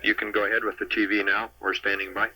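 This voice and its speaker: A man working as mission control communicator, speaking in clipped, calm radio procedure over a breaking-up space-mission radio link. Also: lowish voice, fast talker. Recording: distant noisy archival radio loop.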